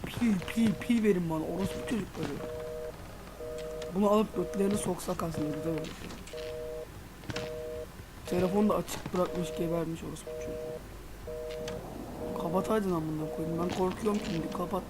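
A man's voice: high-pitched, steady tone, normal speed, long pauses, loud music behind the voice. Jumpy, swearing man playing a horror game. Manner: jumpy, panicky, swears a lot, yelps when scared. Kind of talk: casual let's-play commentary.

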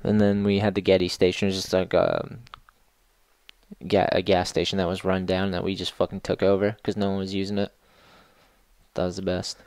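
A man's voice: sits low, flat delivery, moderate pace, pauses often, a little mellow, no room sound. A man in his thirties in casual podcast chat, laid-back and slangy, swearing often. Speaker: podcast co-host. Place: small studio room, indoors. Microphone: boom mic with headphones.

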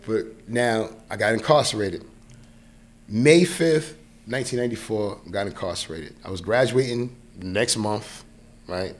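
Unhurried and fairly low-pitched, a New York man in his forties casually recounts a personal story as a podcast guest, often checking in with whoever is listening. The setting is a small indoor podcast studio with a close mic on a boom arm.

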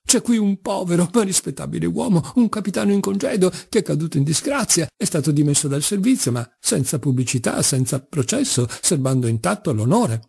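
A man doing a wheedling old buffoon of a father in a storybook reading, his voice pitched up high and theatrical. He sounds gravelly and husky, forever whining, pleading and accusing in mock grief. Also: a little mellow, heavily acted. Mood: aggrieved. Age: older. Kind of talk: audiobook character reading.

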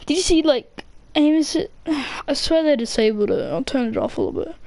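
A woman's voice: high-pitched, fairly quick, a little mellow, no room sound. A young woman chatting casually and swearing freely while she plays a game, mocking her own skill. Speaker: gamer. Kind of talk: casual gameplay commentary.

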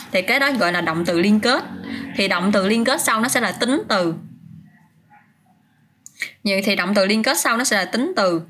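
Woman, livestream English teacher, chatty, mid-pitched voice, faint background hiss. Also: a bit bright. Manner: chatty, answers viewers' comments by name, many fillers and restarts. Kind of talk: casual livestream lesson.

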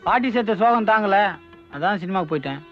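A cheeky young man in a film comedy, firing off deadpan comebacks. His voice is very high and quick. The sound is dull, with faint music behind. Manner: flat, matter-of-fact comebacks. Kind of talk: Tamil film comedy acting.

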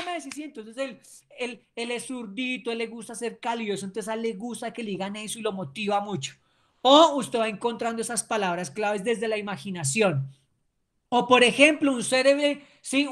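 A woman gives a recorded sports training lecture, speaking emphatically and often checking in with the class. Her voice sits a little on the high side.

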